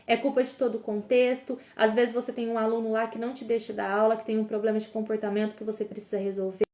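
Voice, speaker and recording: A woman from Brazil hosts a motivational podcast for teachers, addressing the listener directly and earnestly, with many fillers. Her voice sits a little high, and the room gives it a noticeable echo. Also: little pitch movement, quick pace, a little mellow. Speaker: podcast host and coach for teachers.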